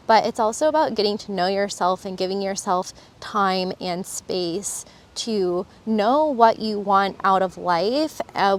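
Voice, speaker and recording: A woman from Florida, a travel vlogger, talking earnestly and enthusiastically in a casual reflective vlog, recorded outdoors. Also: mid-range voice. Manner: earnest and enthusiastic, with some fillers.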